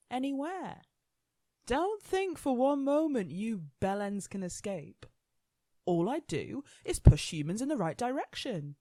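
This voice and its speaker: A woman's voice: medium pitch, darkish tone, no echo, clean studio sound. A woman playing War, a gleefully menacing, smug immortal gang boss with a taunting, sweary manner, in a radio play. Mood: gleeful menace.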